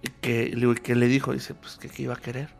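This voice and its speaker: Gravelly Mexican man telling a story. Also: medium pitch, flat delivery, fast talker, soft background music. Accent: Mexican Spanish. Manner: acts out both sides of remembered dialogue. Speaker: podcast guest telling a story. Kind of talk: casual storytelling in a podcast chat.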